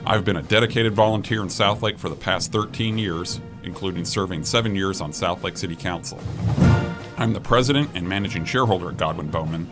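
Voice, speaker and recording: A middle-aged man reading a scripted advertisement for his own professional firm. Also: sits low. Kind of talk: scripted ad read.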